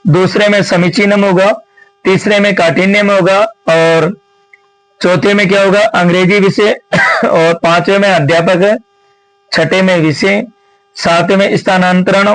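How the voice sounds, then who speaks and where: A man's voice: sits high, steady tone, a little slow, fairly bright tone, dry recording, low-quality recording. A man teaching Sanskrit, going through exam answers step by step and often asking a question, then answering it himself. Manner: explains step by step, often asks and answers his own questions; addresses viewers as friends. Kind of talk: exam answer-key lesson.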